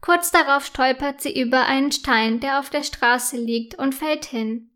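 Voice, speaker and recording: Slow, high-voiced woman reading a children's story. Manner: slow, clear, gentle storytelling. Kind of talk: scripted children's story narration.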